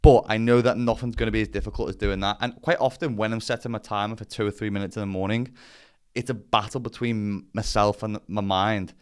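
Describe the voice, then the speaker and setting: A man's voice: on the low side, steady tone, fairly quick, clear, resonant tone. A man giving a casual explainer as a vlogger, talking bluntly with some swearing and self-deprecation. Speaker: vlogger presenting to camera.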